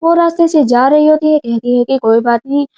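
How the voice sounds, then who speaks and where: A woman's voice: high voice, brisk, dark tone, soft background music. A woman narrating a drama recap in a casual storytelling way, speaking the characters' lines in her own voice. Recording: dull lo-fi sound.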